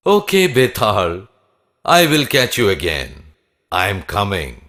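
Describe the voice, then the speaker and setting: A man's voice: fairly low pitch, huge pitch swings, slow, fairly bright tone, exaggerated voice. A man voicing a noble, determined cartoon king, declaiming in a solemn, resolute manner. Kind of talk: theatrical cartoon dialogue.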